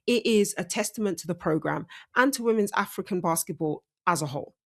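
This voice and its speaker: A woman's voice: lowish voice, lively intonation, brisk, vocal fry. A woman hosting a casual sports breakdown, chatty and self-correcting, her speech slightly impeded by braces. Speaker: host.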